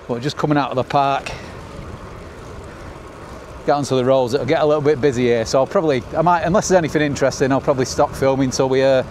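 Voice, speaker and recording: A man's voice: mid-range voice, steady tone, fast, a little mellow. A middle-aged man with a northern English accent gives casual, chatty ride-along commentary outdoors, upbeat like a travel show host. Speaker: cycling vlogger. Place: outdoors on a bicycle. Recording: noisy outdoor recording, wind and traffic.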